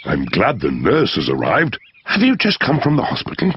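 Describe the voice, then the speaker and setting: A chuckling daddy pig. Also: male voice, lowish voice, huge pitch swings, moderate pace, slight background noise. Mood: jolly. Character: jolly adult male cartoon pig, a father. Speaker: dad hosting a children's party. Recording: dull lo-fi audio with music behind.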